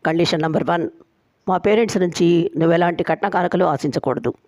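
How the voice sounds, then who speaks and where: A woman storyteller voicing a bossy, sharp-tongued young woman who sets firm terms for her marriage. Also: fairly low pitch, fast, no echo, studio quality, natural voice. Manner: firm, teasing, laying down conditions.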